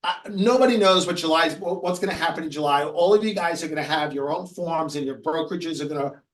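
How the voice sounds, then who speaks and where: High-voiced man coaching on a webinar. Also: fast, echoey room, distant mic. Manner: earnest storytelling, drops soft and quiet in emotional moments. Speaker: real estate coach. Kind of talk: webinar presentation.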